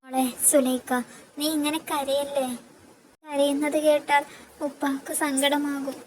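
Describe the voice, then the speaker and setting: A woman voicing a caring elder sister figure who consoles gently but firmly. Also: high-pitched, little pitch movement, a little slow, slight background noise, voice pushed up, rough recording. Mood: consoling. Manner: soothing yet firm.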